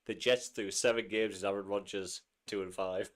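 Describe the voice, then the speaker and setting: A man's voice: on the low side, steady tone, moderate pace. A man co-hosting a football podcast in casual chat, chatty and laughing, a bit ill. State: ill, coughing. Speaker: podcast co-host.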